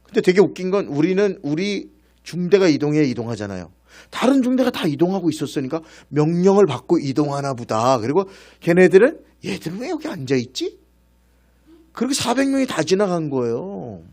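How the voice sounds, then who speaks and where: A male pastor preaching in church, telling a personal story in an animated way and turning now and then to speak directly to members of the congregation. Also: fairly high pitch, fairly quick.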